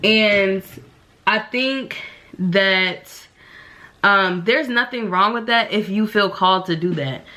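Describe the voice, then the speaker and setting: Getting ready indoors at home, a young woman with flu-induced nasality chats through a casual get-ready-with-me vlog, rambling and using many fillers. Her medium-pitched voice is bright and forceful, and she takes her time.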